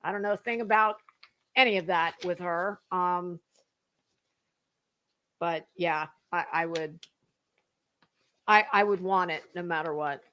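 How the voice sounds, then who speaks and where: Speaking a little slowly in a low, sharp-toned voice, an American woman pauses often while she reads documents dramatically for an online audience. Her commentary is gossipy and casual, blunt and snarky with theatrical emphasis.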